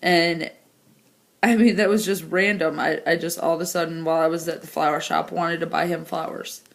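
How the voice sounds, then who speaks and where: A woman's voice: lowish voice, fairly even intonation, normal speed, vocal fry. A young woman giving a tearful, rambling vlog update, crying and laughing as she talks. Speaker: vlogger. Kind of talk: emotional personal vlog update.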